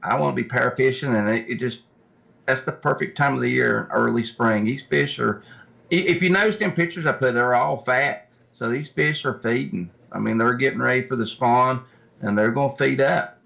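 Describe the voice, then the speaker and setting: A guest tournament fisherman talks at normal speed in a mid-range voice that is creaky, bright, and forceful. His casual chat covers recounting and explaining, delivered plainly and informally. The audio is dull and lo-fi.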